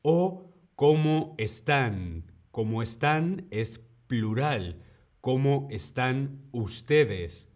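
A Spanish teacher and streamer with an accent from Spain hosts a live-streamed language lesson in a middling-pitched voice, at a slow, unhurried pace. After lively opening greetings, he moves into patient explanation and repeats each example.

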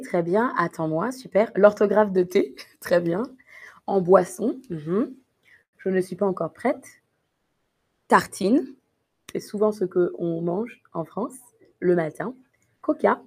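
A woman's voice: mid-range voice, darkish tone. A woman teaching a live online French lesson, patiently reading dictation sentences and correcting students' answers. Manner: slow, patient, encouraging; repeats practice sentences slowly and clearly.

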